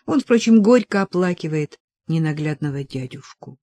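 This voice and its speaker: A woman's voice: low-pitched, lively intonation, normal speed, warm tone, no room sound. A woman reading the lines of a grave, restrained aging nobleman in an audiobook, speaking earnestly.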